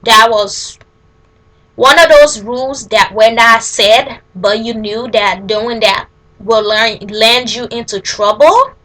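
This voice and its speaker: A woman with a Liberian accent talks in a casual, informal way. Her voice is bright and fairly high, and she takes her time, often stopping to rephrase as she answers questions for a vlog. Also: rough recording. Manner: informal, halting, with self-corrections mid-sentence.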